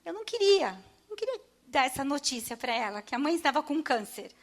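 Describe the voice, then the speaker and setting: A middle-aged woman from Brazil speaks in a fairly high voice as she gives her testimony to a church congregation. Her telling is emotional and halting, full of restarts and pauses as she relives the moments. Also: sing-song. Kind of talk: personal testimony.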